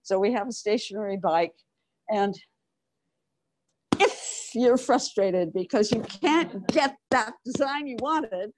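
An older woman in a face mask, her voice a little high with lively intonation, takes it slowly as she explains things to a group while walking them through an open-plan office on an informal tour. Her clip-on lapel mic yields a low-quality recording.

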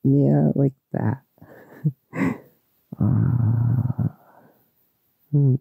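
Man, sleepy ASMR boyfriend, creaky, drawn-out pace, thin lo-fi sound. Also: medium pitch, fairly even intonation, dry recording. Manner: soft, sleepy, affectionate murmuring with whispers. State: drowsy.

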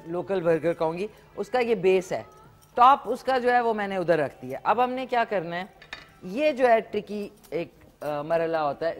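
A woman hosting a live TV cooking demonstration, chatty and animated with frequent exclamations. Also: fairly low pitch. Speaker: morning show host. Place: TV studio kitchen set.

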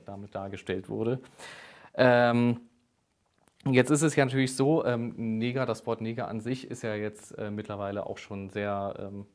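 A young male interviewer with a fairly low voice that stays level and flat. He asks long, hesitant questions, filling his pauses with frequent filler sounds.

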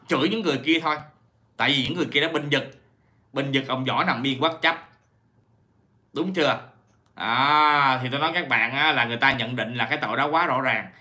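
A man's voice: a little high, sharp tone. A man giving a rambling commentary to his viewers, full of fillers, self-corrections and rhetorical questions. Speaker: YouTube commentator. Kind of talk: casual commentary monologue.

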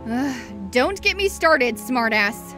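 A woman plays a fiery lady fox inspector with a high voice. She is stern, indignant and quick to scold, in a comic dub with music underneath. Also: sing-song. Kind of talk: fan-dub comic acting.

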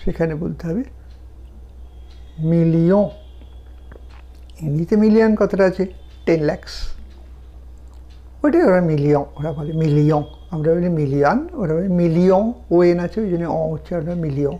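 A woman teaching French numbers, counting them out slowly one by one and explaining pronunciation step by step. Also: lowish voice, dark tone, lo-fi sound. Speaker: language teacher. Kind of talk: slow, deliberate language lesson.

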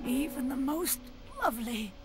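An actress playing a sorrowful, withering female plant creature in a video game, in slow, poetic lines. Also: sits high, over music, natural voice. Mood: mournful.

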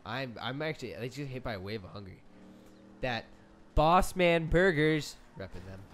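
A man's voice: on the low side, fairly quick, fairly bright tone, a little hiss or hum. A young man chatting while he games with friends, rambling and joking, with a good deal of swearing. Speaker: co-player. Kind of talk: casual gameplay banter.

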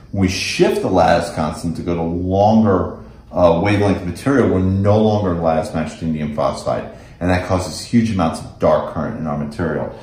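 A middle-aged American man, representing his company, gives a technical product demonstration and explanation in a small office meeting room. His voice is low-pitched and darkish, and the room sounds echoey.

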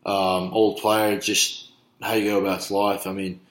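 A young man with a lowish voice runs a casual interview and chimes in often with quick affirmations. He is recorded on a laptop webcam in a small room that echoes. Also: little pitch movement. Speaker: interviewer, coach. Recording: roomy webcam audio.

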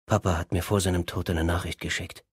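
A man voicing a composed adult woman in an audiobook, speaking quietly and carefully in his own lowish voice. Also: level tone, a little fast, slightly rough, no room sound, studio quality. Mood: calm. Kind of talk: audiobook character reading.

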